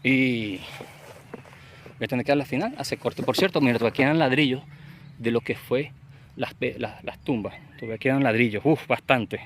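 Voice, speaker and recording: Rambling Venezuelan man on a street walk. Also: medium pitch. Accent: Venezuelan, llanero. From Portuguesa state, Venezuela. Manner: rambling, restarts, talks to viewers while walking. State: sweating in heat. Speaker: vlogger. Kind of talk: walking vlog, casual chat. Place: outdoors on overgrown urban lots and streets. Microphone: phone mic, handheld. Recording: noisy outdoor phone recording.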